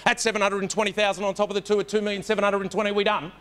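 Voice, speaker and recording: A man working as an auctioneer, calling bids live in a repetitive rapid-fire chant and urging the room on. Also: sits high, level tone, fairly bright tone, clean tone. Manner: urging, addressing the room directly.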